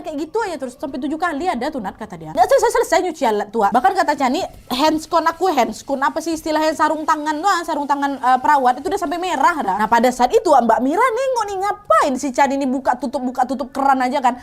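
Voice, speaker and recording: A woman telling a horror story casually, like a chat with friends. Her voice is high and her pace quick, and she keeps speaking directly to her listeners. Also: animated. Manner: chatty, addresses listeners directly.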